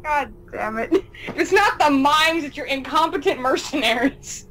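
A woman's voice: high-pitched, expressive, unhurried, fairly bright tone, a little hiss or hum, poor audio. A woman giving casual, jokey let's play commentary, giggling often and swearing freely.

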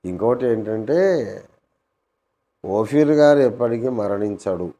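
A man in his late sixties answering questions calmly and deliberately, often asking rhetorical questions. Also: mid-range voice. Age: 60s. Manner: calm, measured, with rhetorical questions. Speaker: interviewee. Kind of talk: Q&A conversation.

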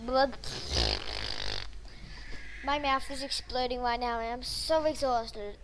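High-voiced, excitable woman commenting on gameplay. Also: normal speed, background noise. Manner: rambling, excitable, with fillers.

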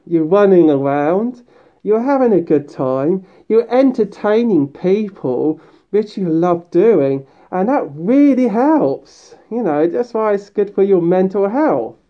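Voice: medium pitch, animated, slow. A fursuit video creator talking through a mascot head in a casual, upbeat, rambling way, with many fillers and restarts. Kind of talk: casual vlog talk. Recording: dull lo-fi recording.

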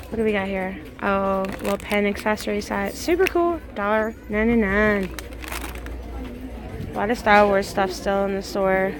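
A woman's voice: mid-range voice, noisy background. A woman narrating a casual shopping vlog, gushing over cute finds as she films on a handheld phone in a large indoor store. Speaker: vlogger. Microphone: handheld phone camera. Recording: crowded store background.

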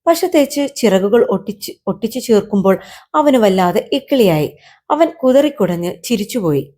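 Lively woman telling a children's story. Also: mid-range voice, moderate pace. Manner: lively, expressive storyteller who asks children questions. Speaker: teacher.

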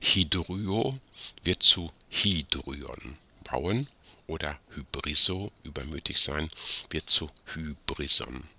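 A man with a very low, gravelly voice gives a casual grammar lesson. His tone is sharp and husky. He rambles, corrects his own slips and tosses in self-mocking jokes. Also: slow. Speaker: tutor.

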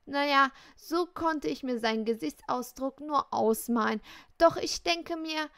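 A woman reading a novel aloud in the first person, expressive and lively, voicing the heroine's own lines. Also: high voice, a little slow, vocal fry, no echo, clean studio sound. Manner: lively, expressive, indignant in dialogue. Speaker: audiobook reader. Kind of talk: first-person audiobook narration.

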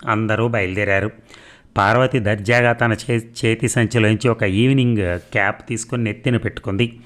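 A man narrating a story in a measured, expressive reading. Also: fairly low pitch.

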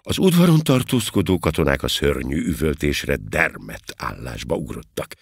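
An older man narrating a comic adventure novel in an extremely deep, gravelly voice. His delivery swings widely in pitch with great expression. The recording is close, dry and slightly husky. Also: sing-song, no room sound. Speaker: audiobook narrator.

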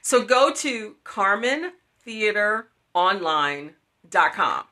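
Filmed on a phone at arm's length in a cramped room, the host, writer and producer of an audio drama series chats casually to promote it. She's middle-aged, with a medium-pitched, sing-song, sharp voice, and she takes her time while emphatically repeating herself.

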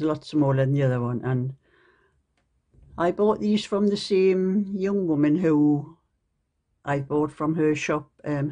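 A woman's voice: low-pitched, mellow. An older woman with a Geordie accent, chatting casually at her table at home as she shows off a shopping haul and explains it step by step. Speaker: shopping vlogger. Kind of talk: casual show-and-tell. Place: home, at a table at night under a lamp.

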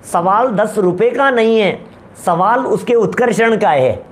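High-voiced man giving a sermon. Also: measured pace, a little hiss or hum. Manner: storytelling with everyday examples, asks rhetorical questions. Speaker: religious preacher. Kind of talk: Hindi religious discourse.

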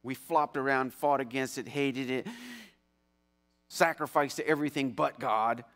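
A man preaching a sermon as pastor, animated, swinging from loud emphasis to hushed tones and acting out voices from scripture. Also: mid-range voice, a little slow. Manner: acts out biblical voices mid-sermon.

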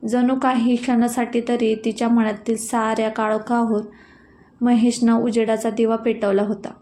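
Gentle woman narrating a story. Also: on the high side, flat delivery, moderate pace. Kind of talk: scripted narration.

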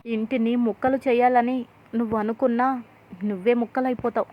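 A woman voicing a sharp-tongued sister-in-law who taunts and accuses a scheming relative. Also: a little high, fairly even intonation, brisk, slight background noise, close to an everyday voice. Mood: taunting. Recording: tinny phone-like audio.

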